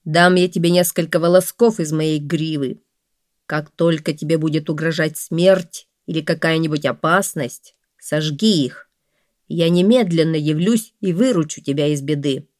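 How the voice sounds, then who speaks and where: Woman doing a proud, firm forest lion, loud and dry. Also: low voice, moderate pace, no room sound, natural voice.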